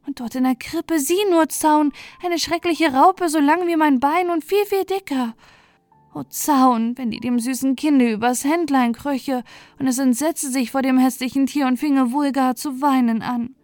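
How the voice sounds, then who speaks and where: A woman's voice: high voice, a little slow, dry recording, pitched above the performer's own voice. A woman voicing an eager, fussy little queen wren bird in a storybook, fretting and scolding. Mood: fretful. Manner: fretful, excited, scolding. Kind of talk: storybook character voice.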